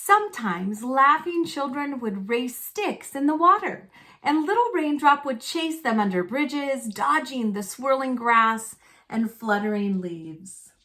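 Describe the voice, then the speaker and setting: For a children's storytime, a woman narrates a picture book with a fairly high, pushed and bright voice. Her intonation is lively, yet her pace stays very unhurried and deliberate, her phrasing simple for little listeners.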